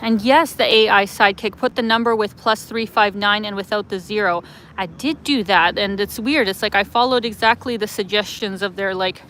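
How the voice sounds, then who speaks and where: A travel vlogger with a Canadian accent rambles through a live walking-tour chat, streaming by phone as she walks city streets and using lots of fillers. Her voice is mid-range and fairly bright, with slight background noise and poor audio.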